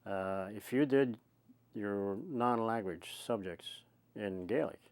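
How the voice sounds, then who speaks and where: An older Irish man with a fairly low voice, recalling his past in conversation. He talks in a chatty, rambling way, like someone telling stories in an interview. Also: slow, a little mellow. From Ireland. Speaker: oral history interviewee. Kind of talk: conversational reminiscence.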